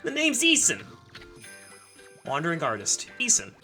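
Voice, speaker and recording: Girl doing a bratty tiny artist bug guy, high and cocky, bouncy lines, game voice. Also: huge pitch swings, pushed and bright, soft background music, exaggerated voice. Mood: boastful. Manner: cocky, brash and quick. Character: tiny boastful male wandering artist sprite.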